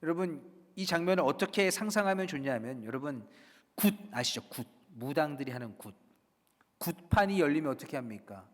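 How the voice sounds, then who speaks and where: A man preaching a sermon as a pastor, swinging between loud declarations and hushed whispers. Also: fairly high pitch, animated, fairly quick, in a large hall. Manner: dynamic preaching, dropping to soft whispers for emphasis.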